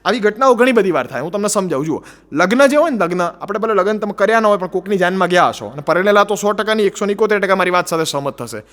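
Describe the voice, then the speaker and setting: A man with a Gujarati accent doing animated stand-up storytelling, acting out the people in his jokes. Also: sits high, very fast, big-room sound. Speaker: stand-up comedian.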